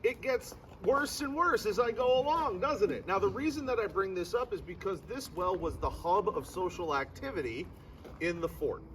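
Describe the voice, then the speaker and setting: A man with a high-sitting, slightly bright voice works as a ghost tour guide, telling stories to a group in a fort courtyard. Animated at a normal pace, he uses irreverent humour and theatrical emphasis. A distant mic picks him up amid noisy outdoor ambience.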